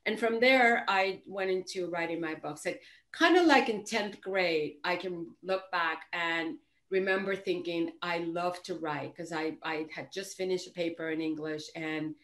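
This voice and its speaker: A Puerto Rican woman in her fifties talks animatedly as an interview guest over a video call from a home office. Her voice sits a little low, and she often restarts and fills with "you know". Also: unhurried, a bit bright. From Puerto Rico. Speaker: guest author. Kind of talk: casual interview chat.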